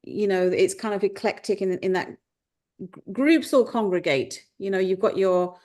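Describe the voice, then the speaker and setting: Here she talks at a normal speed in a slightly mellow mid-range voice. This English-born woman in her fifties, a Punjabi native speaker, is a life coach guesting on a reflective podcast, and she muses aloud, looping back and restarting her sentences.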